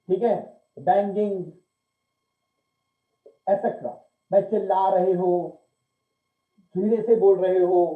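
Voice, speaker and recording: A man giving a physics class, who keeps asking questions and answering them himself and calls his students "beta". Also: sits high. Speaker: physics teacher. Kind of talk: classroom lecture. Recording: echoey room, tinny phone-like sound.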